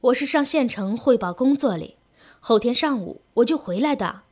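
A woman reading the lines of a gentle young male official who soothes softly. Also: a little high, lively intonation, normal speed. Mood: soothing. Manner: soft, soothing.

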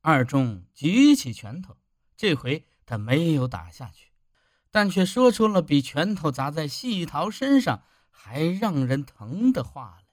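A man's voice: fairly high pitch, very animated, measured pace, no room sound, clean studio sound. A man narrating a village story in an emphatic storytelling manner. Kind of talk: audiobook narration.

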